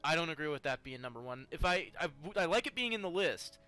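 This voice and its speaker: A man's voice: fairly high pitch, expressive, fast, pushed and bright, clean tone, soft background music. A man co-hosting a casual gaming chat, emphatic and playful. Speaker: co-host.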